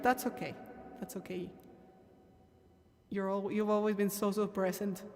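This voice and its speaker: A woman's voice: mid-range voice, a little mellow. A woman hosting a live stream, chatting casually, reading out viewer comments, thanking people by name and laughing often. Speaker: livestream host and singer.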